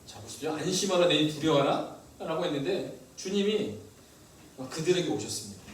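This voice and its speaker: Lively pastor in an echoey church. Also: male voice, fairly high pitch, moderate pace, recorded from a distance, a little hiss or hum. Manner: lively, asks the congregation questions. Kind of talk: sermon. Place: church hall.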